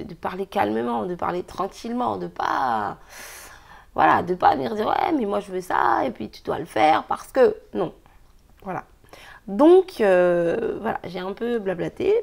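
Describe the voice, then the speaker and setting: Her medium-pitched voice carries vocal fry as this tarot reader runs through a casual daily reading. She chats emphatically and breaks into laughter while giving advice.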